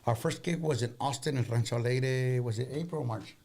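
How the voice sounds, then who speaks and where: A man's voice: mid-range voice, brisk, a little mellow. A man with a West Texas accent chatting casually as an interview guest, teasing and cutting in. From West Texas, United States. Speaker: band member, interview guest. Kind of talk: casual bantering interview chat.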